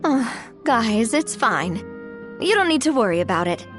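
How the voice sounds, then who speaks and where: Game role: principled young heroine, high, lively intonation, courteous, composed, firm. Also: female voice, normal speed, over music. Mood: reassuring, friendly. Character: poised, principled, friendly young woman leader. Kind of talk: animated game voice acting.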